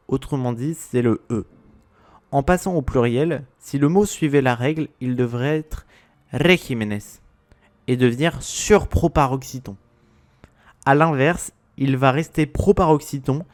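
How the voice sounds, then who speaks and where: A man's voice: medium pitch, a little mellow. A man giving a scripted, methodical grammar lesson, laying out rules step by step. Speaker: Spanish grammar teacher. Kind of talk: scripted explainer narration.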